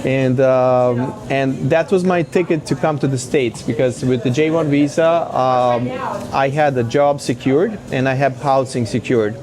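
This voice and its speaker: Guest, thirties, halting casual talk, ordinary pitch. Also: male voice, crowd noise. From Serbia. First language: Serbian. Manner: hesitant, many fillers. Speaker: guest, café owner. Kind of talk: casual interview.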